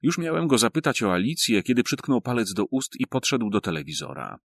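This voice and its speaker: A man's voice: mid-range voice, sing-song, brisk, gravelly, no room sound. A man reading a first-person audiobook story in a wry, storytelling manner. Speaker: audiobook reader.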